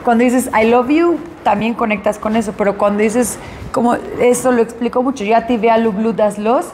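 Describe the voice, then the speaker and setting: A woman actress recounting an experience in an interview, lively and acting out the dialogue in her story. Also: fairly high pitch, normal speed, a little hiss or hum.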